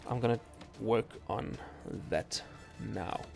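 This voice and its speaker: Halting Danish man streaming a game. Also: lowish voice, gravelly. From Denmark. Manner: relaxed, halting, lots of ums and restarts. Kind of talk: live game stream, chatting with viewers. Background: faint game music.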